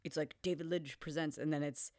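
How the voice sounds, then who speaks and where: A woman's voice: deep voice, steady tone, a little fast, darkish tone, no room sound, clean studio sound. A woman chatting casually as a co-host in valley girl style, filling her sentences with "like". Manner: valley girl talk, frequent "like". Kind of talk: casual chat about film and TV.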